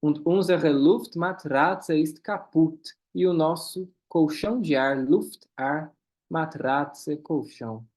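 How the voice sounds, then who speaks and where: A man leads a German lesson. His voice sits a little high. He says the German lines slowly, then explains them quickly. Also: darkish tone. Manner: switches between slow careful German and quick explanations. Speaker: German teacher. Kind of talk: online class, reading dialogue and translating.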